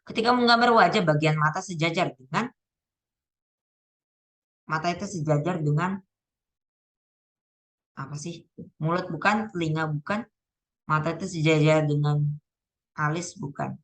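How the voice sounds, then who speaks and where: A woman's voice: low-pitched, steady tone, measured pace, pauses often, poor audio. A teenage girl casually going over exam answers, thinking aloud and often correcting herself. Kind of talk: casual spoken exam walkthrough.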